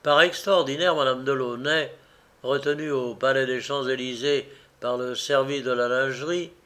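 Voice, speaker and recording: A man reading a classic novel aloud in a slow, measured, expressive narration. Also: mid-range voice. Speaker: audiobook reader.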